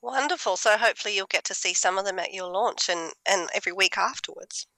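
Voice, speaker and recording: A woman's voice: medium pitch, fast talker, bright, forceful tone, dry recording, poor audio. A woman co-hosting an interview, asking questions and responding in a casual style. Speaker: interview co-host.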